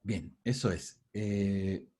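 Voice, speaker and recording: A man's voice: low-pitched, fairly even intonation, very slow, warm tone. A man teaching a linguistics class over a video call, explaining patiently and often restarting his words. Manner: explanatory, restarts and repeats words while thinking.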